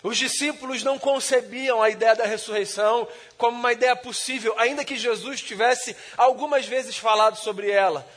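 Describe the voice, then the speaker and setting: A man's voice: extremely high pitch, fairly even intonation, moderate pace, few pauses, a bit bright. A man preaching a sermon in a conversational way, retelling scenes and voicing the people in them. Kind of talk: sermon storytelling.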